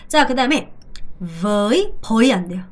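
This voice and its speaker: A middle-aged woman teaching a language in a video lesson, repeating phrases slowly for drilling with playful asides, a native Korean speaker. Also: on the high side, sing-song.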